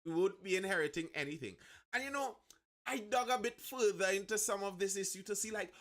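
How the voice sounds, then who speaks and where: A man from Trinidad and Tobago, with a Trinidadian accent, hosts a live news discussion, talking conversationally and often rephrasing his points. His voice is high-pitched, brisk, and a bit bright.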